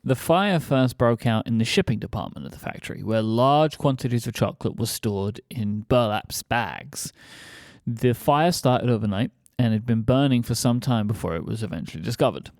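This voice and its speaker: Brief: male co-host, dry jokey asides, mid pitch, dry close mic. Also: normal speed, a little mellow, dry recording. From England. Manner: joking, teasing, dry asides. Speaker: podcast co-host. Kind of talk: casual podcast chat.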